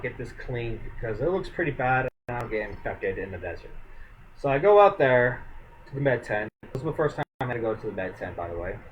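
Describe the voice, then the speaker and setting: A man's voice: lowish voice, lo-fi sound. Male streamer host, casual and profane, rambling delivery, faint background hiss. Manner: rambling, profane, filler-heavy. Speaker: podcast host. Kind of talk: casual storytelling.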